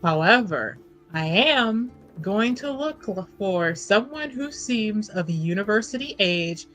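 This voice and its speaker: Over soft background music, a woman chats casually as a player in a tabletop roleplaying game, thinking aloud informally and swearing now and then. Her mid-range voice is fairly bright, slow and lively in intonation.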